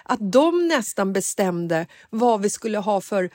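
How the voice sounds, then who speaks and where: A woman's voice: mid-range voice, sing-song, darkish tone, no room sound, clean studio sound. A woman co-hosting a casual podcast, chatty and agreeable, thinking aloud as she talks. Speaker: podcast co-host. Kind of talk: casual chat.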